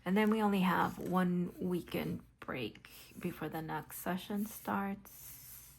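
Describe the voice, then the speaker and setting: A sleepy woman chatting casually and softly while crafting at her table, often half-whispering and yawning. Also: on the low side, takes it slowly, vocal fry, slight background noise. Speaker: mixed media art vlogger.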